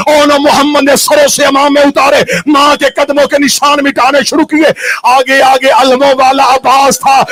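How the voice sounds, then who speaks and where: A man with a strikingly high voice gives an impassioned sermon recitation to a mourning assembly. His pitch stays narrow and level even as the story grows dramatic, and he speaks as a religious scholar telling a sacred tale.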